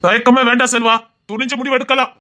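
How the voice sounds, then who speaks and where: A woman voicing a smooth-talking male business partner who pushes a risky deal in an audio drama. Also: a little high, steady tone, fast, sharp tone. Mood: persuasive. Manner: persuasive, pushing a risky deal.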